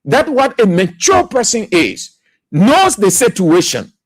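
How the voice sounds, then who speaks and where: Liberian guy on talk radio, high voice swinging all over, dry mic, keeps repeating words to make his point. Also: huge pitch swings, measured pace, husky, no room sound. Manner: emphatic, repeats key words for stress. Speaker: radio talk show host. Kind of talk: political commentary.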